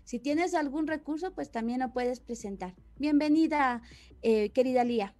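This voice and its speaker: A woman moderating an online panel, warmly introducing the next speaker. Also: high-pitched, normal speed. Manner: friendly, introducing a guest.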